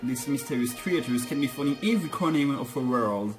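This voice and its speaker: A man's voice: mid-range voice, lively intonation, fairly quick, over music, lightly acted. A man reading out a game professor's welcome lines in a cheap put-on American accent. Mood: grand, slow.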